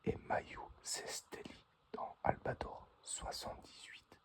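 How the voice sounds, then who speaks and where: Male ASMR unboxing host: breathy whisper right in the ear, extremely slow delivery. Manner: slow, halting short phrases.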